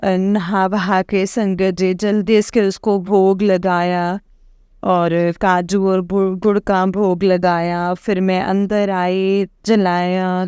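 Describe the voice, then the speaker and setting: A woman's voice: medium pitch, mellow, clear, resonant tone, dry recording, clean studio sound. A woman telling a rambling personal testimony to a congregation, full of hesitant fillers and repeated address to her listeners. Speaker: devotee sharing a testimony.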